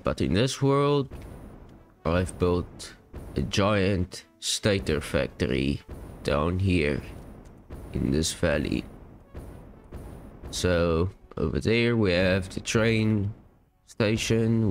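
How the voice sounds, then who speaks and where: A man casually touring his game world, relaxed and unsure, often correcting himself. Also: sits low. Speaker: gaming YouTuber.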